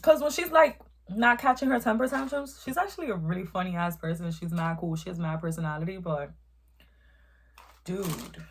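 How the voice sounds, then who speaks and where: Mid-meal, a young woman vlogger chats casually, swearing and stressing her points as she tells her story. She speaks at a medium pitch with a breathy edge.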